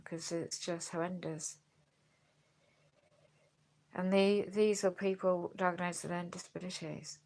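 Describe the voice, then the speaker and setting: On a friend's phone at home, a woman with a fairly low voice chats in a rambling vlog, sighing and using tag questions. She sounds congested and is losing her voice, and the recording is rough.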